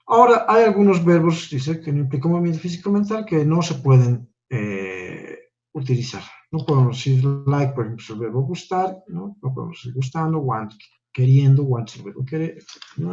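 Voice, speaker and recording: This male teacher's voice is medium in pitch, gravelly, and darkish, captured with dull audio. Walking through a lecture step by step, he keeps checking in with the class using short tags such as "¿no?" and "¿ya?".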